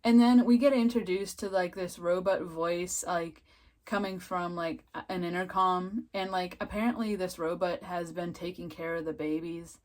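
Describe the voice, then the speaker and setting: A woman's voice: lowish voice, fairly even intonation, moderate pace, a little mellow. A woman casually recapping and reviewing a TV episode, chatty and full of filler words, often breaking into giggles.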